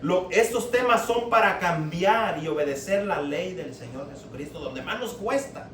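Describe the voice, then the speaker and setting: A man's voice: high voice, expressive, moderate pace, fairly bright tone. A man preaching a sermon, firing rhetorical questions at the congregation. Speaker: pastor. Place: church hall. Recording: echoey room, mic far off, faint noise.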